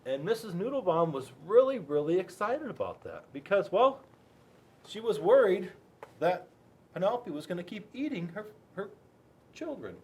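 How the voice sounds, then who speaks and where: A school resource officer reads a picture book aloud to children and chats with them, playful and full of rhetorical questions. His high voice swings widely in pitch at a moderate pace.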